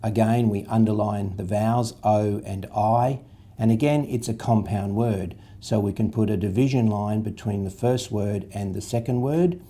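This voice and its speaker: Man, literacy tutor, dark mellow tone, low voice, methodical. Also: normal speed. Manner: patient, methodical, spells out letters and sounds. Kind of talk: step-by-step instructional explanation.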